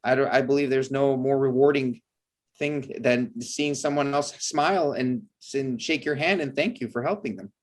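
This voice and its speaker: A man's voice: medium pitch, moderate pace. A man from El Salvador whose first language is Spanish, a surgeon answering interview questions earnestly and enthusiastically, with frequent restarts. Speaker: bariatric surgeon guest.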